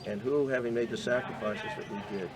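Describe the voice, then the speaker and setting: A man in his seventies from the Boston area, a veteran being interviewed, telling his story in a measured, earnest way with frequent hesitations. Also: medium pitch, steady tone, a crowd in the background. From Boston area, USA. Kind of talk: reflective personal storytelling.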